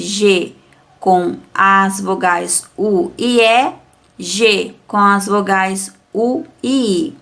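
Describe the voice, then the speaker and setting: Slow gravelly woman teacher. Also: medium pitch, fairly bright tone. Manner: slow, careful, drawn-out word-by-word reading; speaks about herself as "a professora". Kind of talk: recorded elementary Portuguese spelling lesson.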